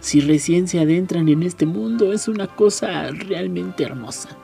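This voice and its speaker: A man hosting a radio program, reading a novel aloud in a calm, measured way. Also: sits high, vocal fry, soft background music. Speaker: radio host and reader.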